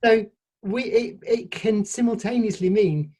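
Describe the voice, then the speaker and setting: A woman from Sheffield, England, appears as a podcast guest in a casual conversational interview. Her voice is on the high side, mellow and slightly rough, and she explains her ideas at length at a measured pace, thoughtfully and casually, often restarting.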